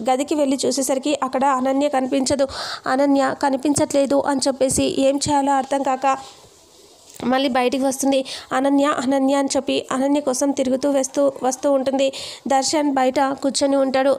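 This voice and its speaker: A woman's voice: high voice, gravelly, darkish tone. A woman casually retelling a TV serial episode, quoting each character's lines in her own voice. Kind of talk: casual spoken plot retelling.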